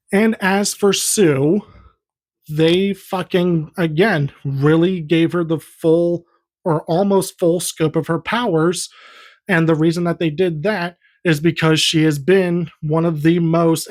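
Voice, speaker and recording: Young man, movie review vlog, heated profane rant, repeats himself, swears constantly. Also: on the high side. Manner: heated, profane, repetitive ranting. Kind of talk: ranting casual review.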